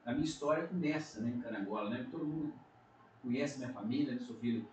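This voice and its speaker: In a casual podcast chat, a middle-aged pastor from Minas Gerais with a Brazilian Portuguese accent offers earnest testimony, full of tag questions. He talks fast at a medium pitch with a darkish tone, captured by a distant mic in an echoey room with faint noise.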